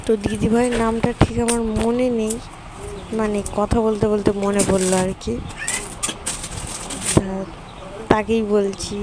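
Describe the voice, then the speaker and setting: Young mom vlogger, rambling and chatty, loud background noise, home phone recording. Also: female voice, mid-range voice. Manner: chatty, rambling with many fillers. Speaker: vlogger, new mother. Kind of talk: casual chat to viewers.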